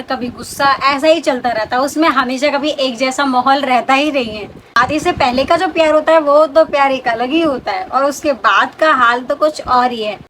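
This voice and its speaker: A woman's voice: high-pitched, fairly bright tone, a little hiss or hum, low-quality recording. A talkative young woman vlogger, pregnant, chatting casually as she answers her viewers' questions. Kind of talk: casual chat.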